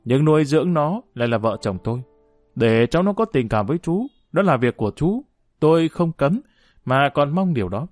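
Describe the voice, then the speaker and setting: A man voicing a calm, steady middle-aged husband in an audiobook. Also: on the high side, normal speed, dry recording, faint music behind. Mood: earnest.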